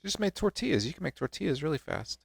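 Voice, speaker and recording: A man's voice: fairly high pitch, big pitch swings, fast talker, creaky, breathy edge, dry recording. A man co-hosting a podcast, reading scripture aloud and chatting playfully. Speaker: podcast co-host. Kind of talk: casual chat and scripture reading.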